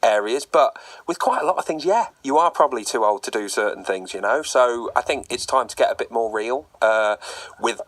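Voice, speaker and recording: A man aged forty talking as a radio panel guest, in casual but measured, reflective discussion. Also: medium pitch, animated, a bit bright, dry recording. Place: live radio studio.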